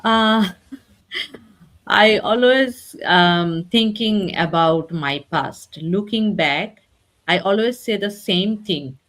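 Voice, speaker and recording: A woman from Bangladesh speaking politely and in a measured way as a guest on an online panel. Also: mid-range voice, fairly bright tone. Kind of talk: online group discussion.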